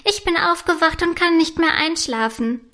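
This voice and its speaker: Woman doing a young princess, little girl, eager and girlish, very high voice. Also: moderate pace, sharp tone, heavily acted. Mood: excited.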